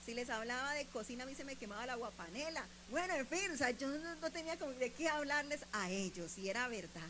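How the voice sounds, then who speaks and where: High-voiced Colombian woman preaching passionately. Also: lively intonation, fast, slight background noise, low-quality recording. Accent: Colombian Spanish. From Colombia, Bucaramanga. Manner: impassioned, swings from soft storytelling to loud emphatic preaching. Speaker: preacher, pastor's wife. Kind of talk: sermon. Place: church sanctuary.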